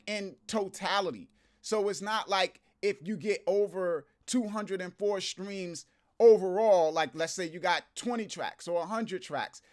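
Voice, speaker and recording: A man with a notably high voice hosts a casual live news commentary. He is feeling a bit sick and pushes on anyway. His delivery is informal and conversational, addressed straight to the viewers. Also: a bit bright. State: under the weather, feeling sick. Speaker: host of music business channel.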